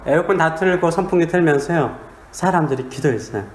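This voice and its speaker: A man's voice: a little high, fairly quick. A man, a pastor, preaching a sermon in a small church, with humor and questions put to the congregation. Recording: echoey church sanctuary.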